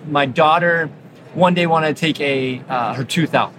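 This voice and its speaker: A man with a fairly high voice tells lively stories and acts out the quotes as he goes. He sounds like a dentist chatting between the stands of a trade show, and loud hall noise runs under everything he says. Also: measured pace. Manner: animated storyteller, acts out quotes. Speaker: orthodontist. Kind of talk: conversational interview. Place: exhibit hall floor.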